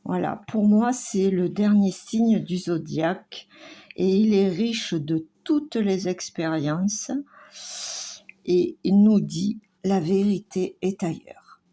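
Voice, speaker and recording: A woman giving a weekly astrology forecast, speaking in a slow, halting way with pauses and fillers. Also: medium pitch, warm tone.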